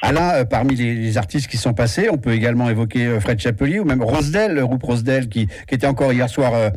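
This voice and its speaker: A man's voice: medium pitch, fast, a little mellow, no room sound. Friendly man hosting a radio interview. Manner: friendly, conversational questioning. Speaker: radio host.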